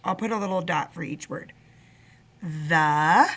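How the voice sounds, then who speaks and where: A woman's voice: lowish voice, fairly bright tone. A woman teacher dictating a first-grade spelling test, sounding words out and repeating them with simple instructions for young children. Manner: sounds words out slowly, repeating each one.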